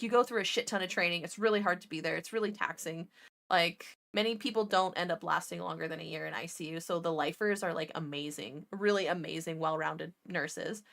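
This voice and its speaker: A former ICU nurse tells stories while painting miniatures, her lowish voice gravelly, bright, and forceful. She's chatty and profane, and she laughs often.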